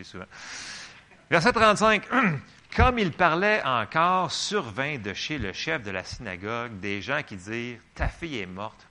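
A man's voice: on the low side, sharp tone. A man with a Québécois French accent preaching a sermon, reading Bible verses and chatting with the congregation in asides. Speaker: pastor.

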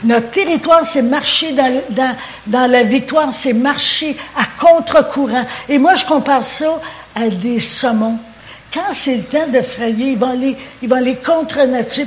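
A woman with a Québécois French accent and a voice on the high side preaches a sermon, with slight background noise. She talks animatedly, repeating words as she searches for phrasing, and acts out quoted prayers and dialogue.

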